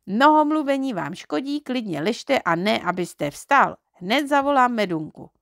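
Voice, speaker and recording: Storybook girl, fussy and teasing, high and a little gravelly; a woman reader puts her on. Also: expressive, no room sound, clean studio sound. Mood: teasing, chiding. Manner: chiding, quick to scold and tease.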